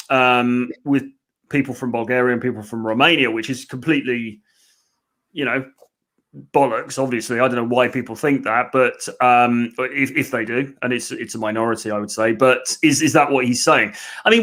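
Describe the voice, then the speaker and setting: A man's voice: medium pitch, moderate pace, fairly bright tone. Chatty man hosting a dating podcast. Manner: chatty, hedging, answers listener questions. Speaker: dating coach host. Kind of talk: casual podcast chat.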